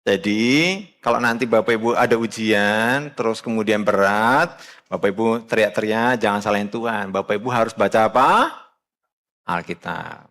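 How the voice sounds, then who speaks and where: Male pastor, sermon; colloquial, direct address, shifts between quiet earnest and raised emphatic exhortation. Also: moderate pace. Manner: emphatic, swings from low earnest tones to loud raised exhortation. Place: church.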